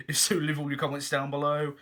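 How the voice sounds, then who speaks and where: A man giving an unscripted match review to viewers as a fan vlogger, earnest and a little halting. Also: fairly high pitch, completely flat delivery, fairly bright tone. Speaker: football fan vlogger, host.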